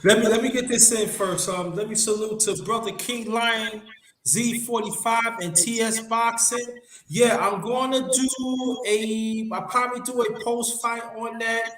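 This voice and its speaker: A man chatting on a live stream, halting and full of fillers. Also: extremely high pitch, fairly even intonation, a bit bright. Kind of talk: casual live-stream chat. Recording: echoey room, faint noise.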